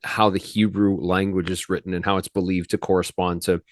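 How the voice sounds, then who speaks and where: Male podcast host, lower voice, casual rambling delivery, dry close sound. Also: flat delivery, fairly quick, no echo. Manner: loose, rambling, slangy, with many restarts.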